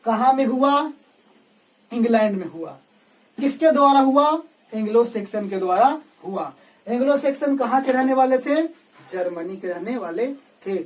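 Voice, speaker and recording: A male English teacher with a very high-pitched voice lectures a classroom with a board, asking questions and answering them himself. He keeps checking in with "okay?" and "remember", and the rough recording catches him from away from the mic.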